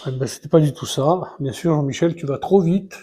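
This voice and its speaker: A Lego building vlogger gives casual live commentary while putting together a model set. His voice is fairly high for a man, brisk, warm and slightly rough. He talks hesitantly, counting pieces aloud and restarting sentences.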